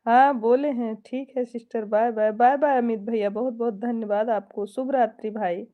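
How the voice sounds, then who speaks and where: A woman's voice: on the high side, fairly even intonation, normal speed, narrow, tinny audio. A woman who sings folk songs, chatting casually on a live stream with an Awadhi-tinged Hindi accent, reading viewer comments aloud, chuckling often and trading devotional greetings. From Awadh region of India.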